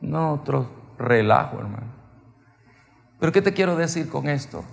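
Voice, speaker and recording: Man, preacher, gravelly voice, emphatic sermon, long hall echo. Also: on the high side, expressive, moderate pace. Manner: emphatic storytelling, swinging from soft to loud.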